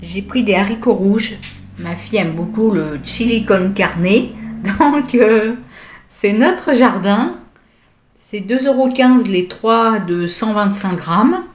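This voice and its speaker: A woman's voice: mid-range voice, slow pace, slight background noise. A woman, likely middle-aged, casually walking through her grocery haul in a vlog, hesitant with many fillers as she reads out prices.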